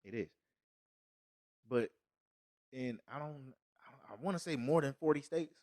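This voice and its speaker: A man's voice: medium pitch, measured pace, a little mellow, no room sound, studio quality. A man co-hosting a podcast in casual, profane chat, emphatic and often restarting mid-thought. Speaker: podcast co-host.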